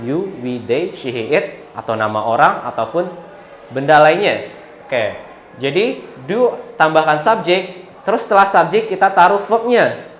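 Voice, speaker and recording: A man with an Indonesian accent teaching English grammar, saying example sentences slowly and with expression. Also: a little high, slight background noise. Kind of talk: grammar lesson explaining to students. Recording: echoey room with faint ambience.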